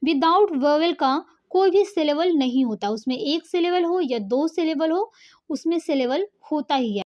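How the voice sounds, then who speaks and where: A woman's voice: high-pitched, lively intonation, unhurried, darkish tone, muffled recording. A woman teacher giving an online English lesson, explaining step by step and often checking in with the learner.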